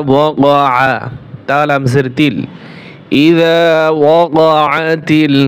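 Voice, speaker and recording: A man's voice: fairly high pitch, clean tone. A man teaching Quran reading, spelling out each letter and vowel mark patiently before chanting the verse, and asking learners questions that he then answers himself. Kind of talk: step-by-step reading lesson.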